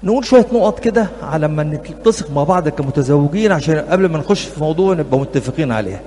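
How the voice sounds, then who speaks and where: Egyptian guy talking to couples at church, quick and kinda high, funny stories, echoey hall. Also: animated, warm tone. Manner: humorous, anecdotal, addresses audience directly. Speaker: church marriage counselor. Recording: reverberant hall, faint background noise.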